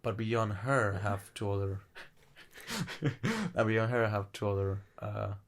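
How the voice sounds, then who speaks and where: A man's voice: lowish voice, level tone, a little slow, slight background noise. A man co-hosting a film podcast, talking casually and rambling, swearing often and laughing between thoughts. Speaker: podcast co-host. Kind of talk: casual chat.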